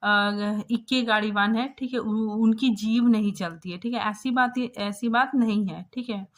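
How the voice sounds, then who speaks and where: A woman's voice: fairly high pitch, fairly even intonation. A woman teaching, going through a story line by line for exam students and checking in after nearly every phrase. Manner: explains slowly, keeps asking "ठीक है?" after each phrase. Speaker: literature teacher.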